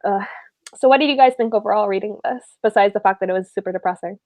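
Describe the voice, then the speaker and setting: A woman's voice: mid-range voice, fast talker, a little mellow, no echo, faint music behind. A woman, chatting and giggling on a book club video call. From Barbados. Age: 20s. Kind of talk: casual book club livestream chat.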